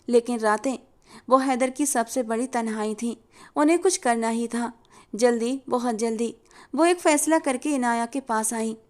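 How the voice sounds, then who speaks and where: Woman storyteller, scripted novel narration, calm, steady, fairly high pitch.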